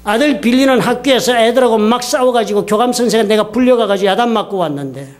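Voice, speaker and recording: A man's voice: extremely high pitch, fast talker. A man voicing a tearful, exasperated wife who pours out her complaints about a bad day. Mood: upset.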